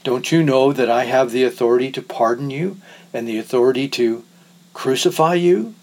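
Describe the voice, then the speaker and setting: A man reading aloud the lines of a wary Roman governor in a measured, plain voice. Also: medium pitch, darkish tone, lightly acted, rough recording. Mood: stern. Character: wary Roman governor, male, weary authority.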